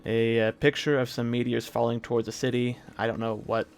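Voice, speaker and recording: Hoarse man rambling on a live stream. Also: mid-range voice, level tone, fairly quick. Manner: rambling recap with many fillers and restarts. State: scratchy, hoarse throat. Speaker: streamer playing a video game. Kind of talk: casual live-stream commentary.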